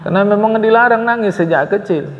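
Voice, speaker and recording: An older man lectures a congregation on religion, and his voice sits fairly high. He speaks earnestly, stops often to address his listeners and asks them rhetorical questions. The long hall echo and the dull, lo-fi recording make him sound distant. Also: quick pace, a little hiss or hum. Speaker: religious teacher. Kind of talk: Islamic study lecture.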